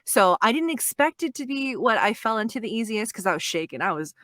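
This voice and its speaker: A young adult woman, a voice actress guest in a casual podcast interview, chatty and quick to laugh, often restarting her sentences. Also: on the high side, big pitch swings, fairly bright tone, dry recording, clean studio sound.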